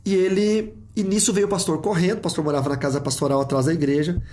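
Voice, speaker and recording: A man's voice: a little high, fast. A man with a Brazilian Portuguese accent, a pastor telling a vivid testimony, full of restarts and repeated words. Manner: lively, vivid retelling with many restarts. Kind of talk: testimony storytelling.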